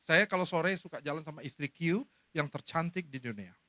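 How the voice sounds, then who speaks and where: Middle-aged male preacher, animated storyteller, high bright voice. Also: normal speed. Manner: animated storytelling, acting out quoted speech. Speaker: pastor. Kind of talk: sermon.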